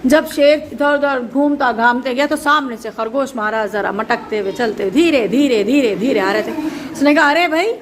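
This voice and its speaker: A woman teacher telling a story to a class of children in an animated way, asking them questions as she goes. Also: fairly high pitch, normal speed, a little hiss or hum.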